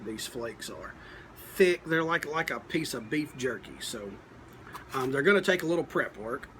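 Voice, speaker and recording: A man with a medium-pitched voice talks through a review off the cuff. He pauses to think aloud and keeps his wording plain and folksy. A clear layer of background noise sits behind him. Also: animated, bright, forceful tone. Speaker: pipe tobacco reviewer. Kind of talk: casual product review, unscripted talk.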